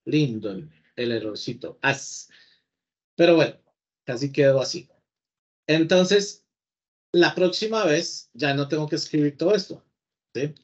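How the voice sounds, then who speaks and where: A man's voice: a little high, measured pace, pauses often. A man teaching a live coding class, chatting and talking to his computer as if it were a person. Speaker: programming teacher. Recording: slightly dull lo-fi audio.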